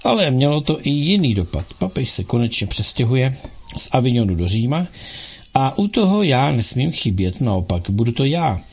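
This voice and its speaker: A man narrates a historical audiobook in the first person, measured and expressive. His voice is gravelly and somewhat husky, with a lively pitch that rises and falls as he tells the story.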